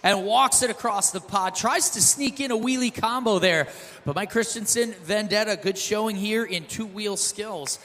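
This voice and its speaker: Over slight background noise, a man with a high, fairly bright voice works as a hype announcer and commentator calling motorsport in an arena. One of a duelling pair, he trades calls with his co-announcer, stretching out names and scores.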